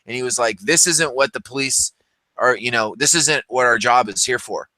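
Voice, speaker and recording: A man's voice: mid-range voice, normal speed, bright, forceful tone, no echo. A man in his thirties telling stories in casual chat, rambling with many fillers and restarts. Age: 30s. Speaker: podcast co-host.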